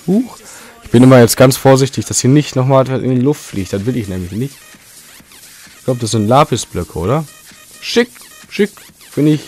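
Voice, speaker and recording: A young man talks his way through a game in a chatty, rambling commentary at a middling pitch, now and then breaking into a startled yelp. Faint game music runs underneath his voice. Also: darkish tone. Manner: chatty, rambling, jumpy outbursts. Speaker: let's play commentator. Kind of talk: casual gameplay commentary.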